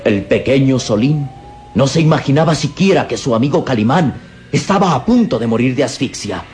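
A man narrating a dramatic radio serial in a theatrical, suspenseful manner with deliberate pauses. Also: mid-range voice, expressive, darkish tone, a little hiss or hum. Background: dramatic music.

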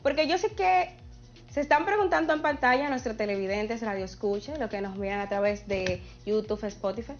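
A woman hosting a broadcast interview, upbeat and quick to laugh. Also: on the high side, dull audio, soft background music. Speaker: host.

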